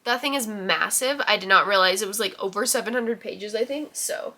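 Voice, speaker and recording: A young woman with a head cold chats in her book vlog, her stuffy, nasal voice sitting at medium pitch with a brisk pace and sharp tone. She rambles a little, dropping plenty of ums and likes, recorded on a camera in her room.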